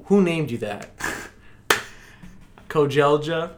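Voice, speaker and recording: A man's voice: on the high side, expressive, drawn-out words, background noise. Playful young man hosting a podcast. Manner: playful, teasing interviewer. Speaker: podcast co-host. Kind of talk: casual chat.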